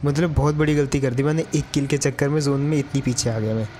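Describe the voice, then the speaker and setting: A man's voice: mid-range voice, fairly even intonation, fast talker, darkish tone, slight background noise. A man giving casual commentary over a mobile game match, chatty and addressing his viewers as brother.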